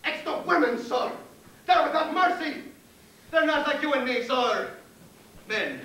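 On a theater stage, a male actor gives a full character voice that's very high, expressive, unhurried, pushed, and bright. His role is a jittery, groveling Irish convict hangman who rambles, wheedles, and defers to everyone, saying sir constantly. The mic is distant, the theater echoey, and there's a faint hiss.

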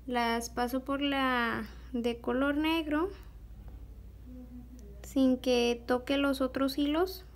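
A young woman with a high voice walks viewers through a beading project step by step. She talks slowly and patiently, pausing on fillers while her hands work. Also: steady tone. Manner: slow, patient, with many fillers like "este". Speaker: beadwork tutorial host. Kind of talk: step-by-step craft tutorial.

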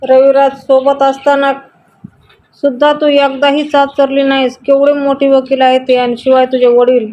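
A woman voicing a scheming, sharp-tongued female office boss who taunts and mocks. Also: high-pitched, monotone, moderate pace, close to an everyday voice. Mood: mocking. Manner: taunting, mocking. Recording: dull lo-fi audio.

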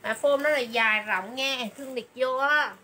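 High bright woman selling clothes. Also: moderate pace, slight background noise. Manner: repeats item names and prices over and over; chatty, calls viewers "dear sisters". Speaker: livestream clothing seller. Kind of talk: livestream sales pitch.

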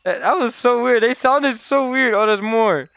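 A young man casually commenting while he plays, excitable and talking straight to his viewers, often exclaiming in surprise. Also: very high-pitched, normal speed, clear, resonant tone, no echo. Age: young adult. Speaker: gaming YouTuber. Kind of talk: casual Let's Play commentary.

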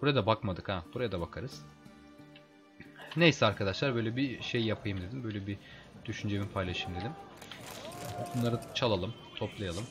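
A man casually commenting on a video game as he plays, chatting with his viewers as friends and getting excited in fights. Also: fairly low pitch, a little fast, long pauses, over music. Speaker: let's play host.

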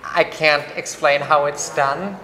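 A low-voiced Icelandic woman, chatty and prone to fillers and restarts, is the interviewee in a relaxed conversation. She takes it slowly in a steady, slightly bright tone. Her lapel mic captures the roomy echo and faint ambience of a large, bright hall with wood screens, along with slight background noise.

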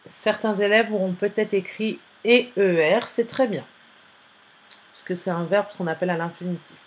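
A woman's voice: medium pitch, moderate pace. A woman teacher giving a spelling dictation to young pupils, repeating each word and spelling it out letter by letter. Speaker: primary school teacher.

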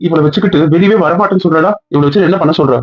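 A young man in casual couple banter, scolding and teasing with rapid-fire questions. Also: a little high, breathy edge, dry recording. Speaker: husband in a couple vlog skit. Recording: dull, dry lo-fi audio.

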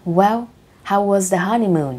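A mother coaxes her upset daughter in a calming way, as read by a woman. The tone is husky and slow. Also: mid-range voice. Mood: coaxing. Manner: calming, coaxing.

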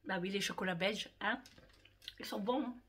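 A woman's voice: mid-range voice, moderate pace, a bit bright, breathy edge. A woman casually showing her shopping haul to her viewers, chatting to them directly and often tagging "hein" onto her sentences. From France. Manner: chatty, talks straight to viewers, fond of "hein".

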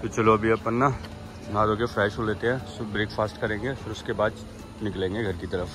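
Recording himself on his phone outdoors at a hillside camp, a forties-aged travel vlogger chats casually and points things out to his audience. He talks briskly in a lowish voice with fairly even intonation, over some background noise.

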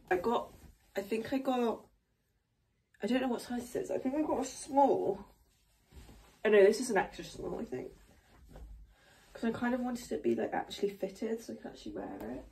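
A woman's voice: fairly high pitch, animated, moderate pace, long pauses, dark tone, slight background noise. A young woman, chatting casually in a rambling daily vlog. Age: young adult. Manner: chatty and rambling, full of fillers. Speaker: vlogger.

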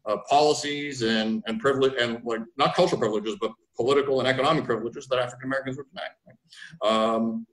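A man appears as a historian guest on a video call from a home room with framed pictures, discussing academic matters in a thoughtful, explanatory way. He talks fast at a medium pitch with a fairly even, somewhat bright tone, restarting phrases and often ending points with "right?". The call audio sounds roomy.

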